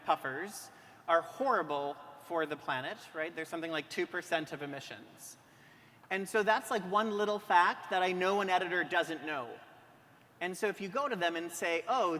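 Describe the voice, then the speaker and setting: Bright-voiced man on a conference panel. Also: sits high. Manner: conversational, acts out quoted dialogue. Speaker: physician panelist. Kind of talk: panel discussion. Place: large conference hall. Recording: reverberant hall with faint noise.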